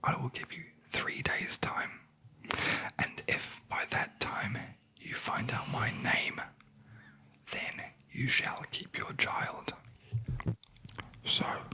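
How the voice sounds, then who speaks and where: A sleep story narrator whispering a fairy tale in a breathy ASMR voice, with dry, wry asides. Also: medium pitch. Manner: wry, deadpan commenting on the story.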